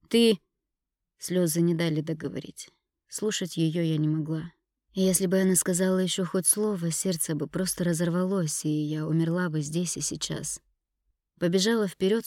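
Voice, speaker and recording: A woman narrating an audiobook in the first person, in a measured, intimate storytelling manner. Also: lowish voice, fairly even intonation, warm tone, no room sound, clean studio sound.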